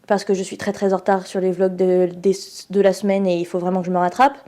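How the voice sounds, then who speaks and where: A woman's voice: fairly low pitch, steady tone, quick pace, dark tone. A tired young woman from France chatting casually to camera in her student vlog, self-mocking and laughing often. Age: young adult. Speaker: student vlogger.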